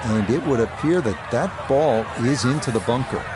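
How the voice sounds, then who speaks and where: A man giving measured, descriptive play-by-play as a golf commentator on a tournament broadcast. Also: medium pitch, lively intonation, noisy background. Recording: loud crowd and outdoor ambience behind.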